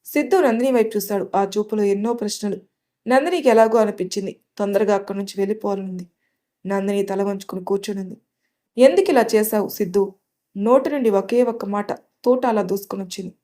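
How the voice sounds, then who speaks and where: Woman narrating a story in a mellow voice. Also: mid-range voice, steady tone, fast talker.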